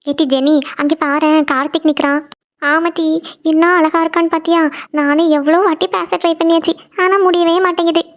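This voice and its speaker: A woman's voice: very high voice, flat delivery, a little fast. A woman voicing a gossipy college girl with a crush, with a southern Tamil accent. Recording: dull lo-fi recording.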